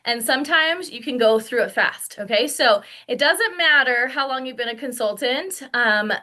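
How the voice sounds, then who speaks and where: A woman's voice: high voice, animated, normal speed, bright, forceful tone. A woman leading a motivational training session for her sales team, upbeat and acting out the feelings she describes. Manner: upbeat, acts out quoted feelings. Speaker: sales director.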